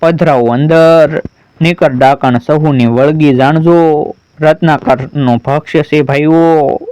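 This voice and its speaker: A man's voice: fairly high pitch, fairly even intonation, slow, a little mellow, clean tone, no echo, low-quality recording. A man voicing a harsh male temple priest who barks orders in a told folk story. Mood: commanding. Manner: barking orders.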